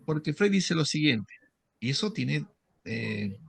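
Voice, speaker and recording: A man's voice: on the high side, takes it slowly, gravelly, slightly rough, dry recording. A middle-aged man, a psychoanalyst who explains cases in an interview and acts out the dialogue of his sessions. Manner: animated storytelling, acts out dialogue with patients. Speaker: psychoanalyst guest.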